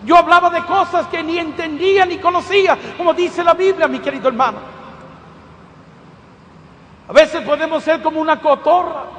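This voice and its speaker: Male preacher, very high voice, fervent testimony-sermon delivery, keeps calling the listeners "dear brother", long hall reverb. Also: a bit bright, a little hiss or hum.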